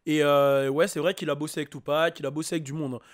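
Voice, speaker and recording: A man hosting a YouTube reaction video, talking casually and excitedly to his viewers with lots of fillers. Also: fairly high pitch, quick pace. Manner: excitable, hyped, chatty with many fillers.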